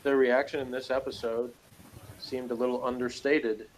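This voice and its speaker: A co-host reviews a TV series casually and analytically, hesitating and rambling while he works out his points. His medium-pitched voice moves little in pitch and runs at normal speed, and the recording is rough.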